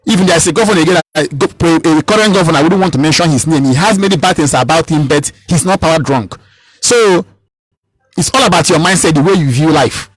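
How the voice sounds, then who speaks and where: A Nigerian man in his thirties talks at a rapid clip, pressing his points hard and circling back over his own words. His voice sits high and has a slightly husky grain, recorded close and dry on a radio mic. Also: dry recording, rough recording. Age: 30s. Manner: emphatic, repeats and restarts phrases. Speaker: political candidate. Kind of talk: radio interview.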